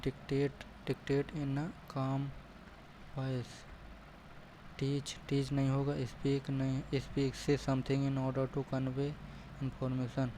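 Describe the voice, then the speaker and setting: A male tutor solves test questions aloud in a flat, dark, mellow voice, talking slowly and repeating each choice to himself. Faint traffic hums behind him. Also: medium pitch, rough recording. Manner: thinks aloud, repeats options, reads English questions slowly. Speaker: exam prep tutor. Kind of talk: solving a mock test aloud.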